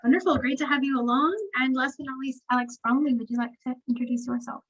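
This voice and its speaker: A woman hosting an online meeting over a video call, moving people along briskly and encouragingly. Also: high-pitched, steady tone, poor audio. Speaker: meeting host.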